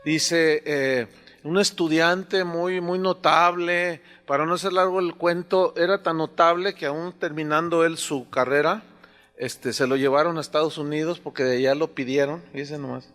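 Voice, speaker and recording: Man, pastor preaching, slightly high voice, long hall reverb. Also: fairly even intonation, normal speed, a bit bright. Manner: conversational preaching with fillers, rising emphasis on scripture. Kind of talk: sermon.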